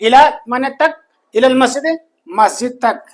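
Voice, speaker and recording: A man teaching a grammar lesson, slowly repeating each phrase and answering his own questions. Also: very high voice. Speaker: Arabic teacher.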